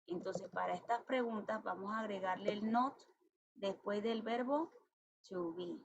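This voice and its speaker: A woman teaching an English grammar lesson, explaining step by step with patience and reading the English examples out slowly. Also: medium pitch, gravelly. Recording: dull lo-fi sound with faint noise.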